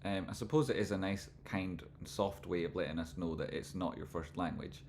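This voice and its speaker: A man with a broad Scottish accent hosting a livestream, talking informally and loosely, not always crisply enunciated, as he comments on charts and chats with viewers. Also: deep voice, brisk, darkish tone, slight background noise. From Scotland. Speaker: livestream host and trading analyst. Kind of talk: live chart commentary and casual chat with viewers.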